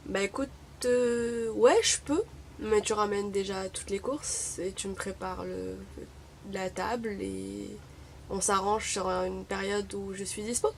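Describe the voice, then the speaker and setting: A slow, gravelly, mid-range voice with a steady tone belongs to a young Moroccan woman, a native Arabic speaker. In her vlog she chats wryly to camera, full of hesitations, with a little noise in the background.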